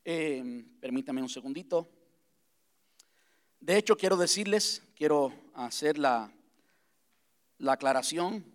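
A man speaking as pastor to his congregation in a church, talking conversationally and repeating key points slowly. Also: fairly high pitch, animated. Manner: conversational, repeats himself, slows to spell things out. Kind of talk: church vision address to congregation. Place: church sanctuary.

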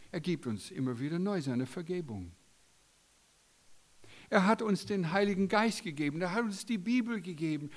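A man delivers a sermon at an unhurried, deliberate pace. His voice sits somewhat high for a man, and his delivery is emphatic, climbing to loud high peaks and then dropping to quiet, low endings. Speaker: preacher.

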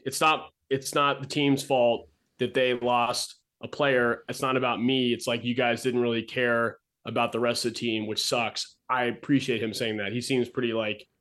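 A man's voice: mid-range voice, flat delivery, moderate pace, hardly any pauses, a bit bright. A man co-hosting a casual sports podcast, joking and sarcastic in his banter. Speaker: podcast co-host.

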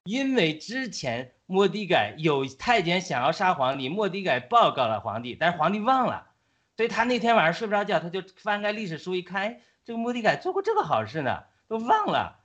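A man's voice: high voice, very animated, fairly quick, a bit bright, highs cut off. A man who is a guest on a talk show, animatedly retelling a story in casual speech with frequent fillers and restarts.

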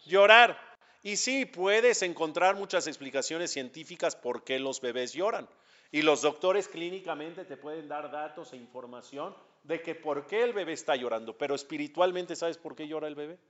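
A man's voice: on the high side, moderate pace. A man teaching a religious class as a rabbi, acting out dialogue and asking his listeners questions. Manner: animated storyteller acting out dialogue, asks the audience questions. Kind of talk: religious lesson. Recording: dull lo-fi recording.

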